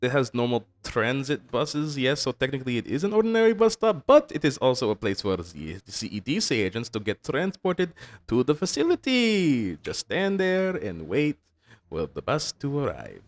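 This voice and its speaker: A man's voice: mid-range voice, very animated, normal speed. A young man running a tabletop game as game master, narrating in a rambling way full of fillers and restarts.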